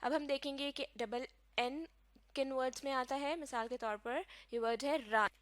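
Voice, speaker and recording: A woman's voice: high voice, steady tone, normal speed, dry recording. A woman teaching English grammar in a recorded lecture, explaining patiently step by step and spelling words out letter by letter. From Pakistan.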